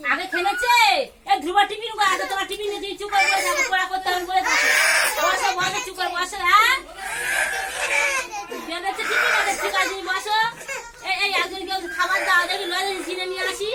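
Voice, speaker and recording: A woman's voice: extremely high pitch, fairly even intonation, fast. A woman teacher in a busy classroom, coaxing and scolding a crying child with repeated commands. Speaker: school teacher. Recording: loud classroom crowd noise. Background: children crying and chattering.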